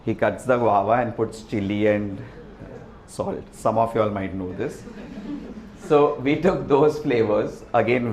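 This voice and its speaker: A man giving a relaxed, chatty presentation to an audience, often asking "right?". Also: fairly low pitch, a little hiss or hum. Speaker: restaurant founder giving a talk. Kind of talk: presentation with slides. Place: event hall with an audience. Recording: echoey hall, faint ambience.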